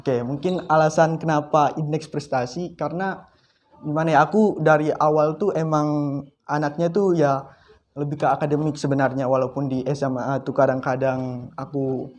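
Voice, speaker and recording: 18 yo guy, chill and casual, bit higher voice, some ums. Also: flat delivery, normal speed, darkish tone. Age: young adult. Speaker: student guest. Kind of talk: casual chat.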